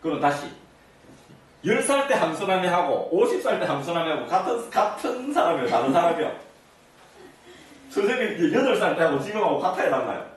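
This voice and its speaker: Lively male lecturer quizzing his class. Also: fairly high pitch, a little fast, slight background noise. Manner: keeps quizzing the audience with either-or questions. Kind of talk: interactive lecture to a seated audience. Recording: echoey room, mic at a distance.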